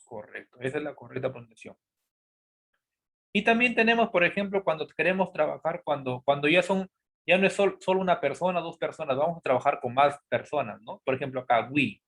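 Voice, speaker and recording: A man teaching a grammar lesson. He poses students' questions aloud, answers them himself, and repeats key words slowly. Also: fairly high pitch, creaky, fairly bright tone. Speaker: English teacher. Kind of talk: classroom-style lesson explanation.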